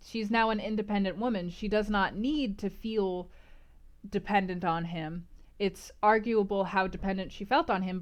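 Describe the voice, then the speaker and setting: Running a relaxed livestream for her book club, a medium-pitched woman talks through the reading and responds to chat. She sounds lively, emphatic, and conversational.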